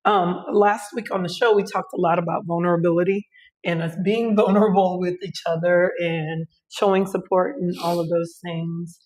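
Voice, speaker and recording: A young woman co-hosts a relaxed couple's podcast. She talks in an animated, storytelling way and laughs easily between lines. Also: lowish voice, normal speed, rough recording. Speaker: podcast co-host. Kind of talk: casual couple podcast chat.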